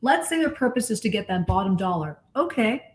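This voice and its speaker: A woman coach speaking in a casual discussion, earnest and emphatic as she explains her points. Her voice sits at a middle pitch, and she leans on key words for stress. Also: very animated, a little fast, a little hiss or hum. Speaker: coach and guest.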